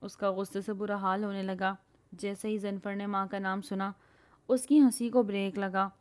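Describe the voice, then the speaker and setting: A woman narrates a novel in a steady, even tone. Her voice sits at a middle pitch for a woman. The reading is scripted and unhurried.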